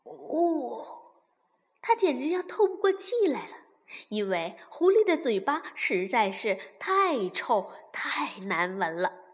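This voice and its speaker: A woman reads a children's story slowly and expressively, her fairly high voice rising and falling a great deal and sometimes sinking to a whisper. Long reverb trails after her words, as in a large hall. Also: sing-song.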